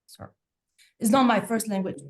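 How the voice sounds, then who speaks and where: Speaking with a fairly high pitch, a woman who learned English as a second language presents a teaching webinar via video call. Her style is conversational, punctuated by filler pauses and repeated "right?" check-ins.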